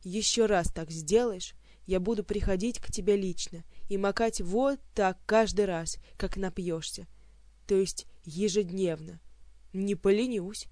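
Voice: medium pitch, unhurried, darkish tone, no room sound, close to an everyday voice. A reader voicing a hungover, irritable male king who snaps sarcastically. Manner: snappish, sarcastic.

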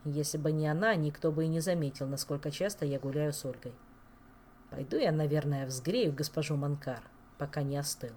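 A woman's voice: low voice, brisk, mellow, slight background noise, lightly acted. A woman voicing a weary, stern king who speaks curtly and grumbles. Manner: grumbling, curt.

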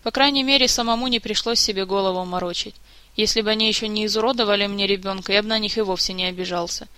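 A woman's voice: mid-range voice, fairly even intonation, fast talker, pushed and bright, clean tone, lightly acted. A woman voicing a cheerful, teasing adult male elf who chats with easy mockery. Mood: amused. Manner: playful, mildly mocking.

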